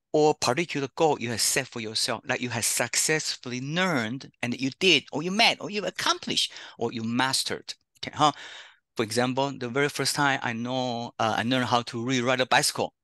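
A middle-aged Taiwanese man, a native Chinese speaker with a Taiwanese accent, works as a counselor presenting an online career workshop over a video call. His medium-pitched voice is bright and forceful, with lively intonation and a moderate pace, and there's no room sound. He's chatty and keeps tagging his lines with "okay, huh?"

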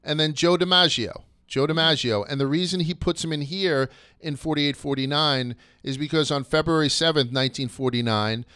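A man's voice: on the high side, moderate pace, few pauses, bright, forceful tone, clear, resonant tone, dry recording, studio quality. A man hosting a casual history podcast, chatty and crude, going off on tangents. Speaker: podcast host.

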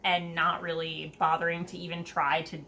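A young woman with a bright, punchy voice chats casually about a book. She is blunt, informal and sweary. There is slight noise from the room. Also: fairly low pitch, monotone, normal speed. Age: young adult. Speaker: book review co-host. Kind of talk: casual tipsy book chat. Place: room with bookshelves, indoors.

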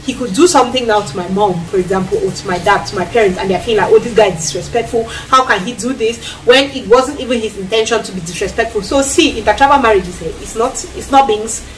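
Talking fast with hardly a pause in a mid-range voice, this Cameroonian-accented vlogger in her thirties cooks in a cramped tiled kitchen and chats to the camera. She gestures a lot and acts out quotes. Her camera is a few feet off, giving a distant, low-quality recording with a bit of background noise.

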